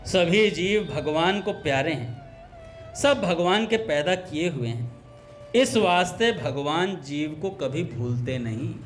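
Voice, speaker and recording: A man giving a devotional talk, telling anecdotes and acting out the dialogue in a relaxed conversational way. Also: a little high, takes it slowly, faint music behind. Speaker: satsang speaker.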